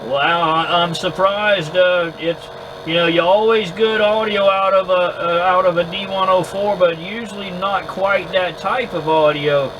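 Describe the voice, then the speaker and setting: A man having a casual two-way radio chat in an easygoing, halting way, often repeating words as he goes. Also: high voice, fairly even intonation, lo-fi sound. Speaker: amateur radio operator recording contacts. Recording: clear background hum and noise.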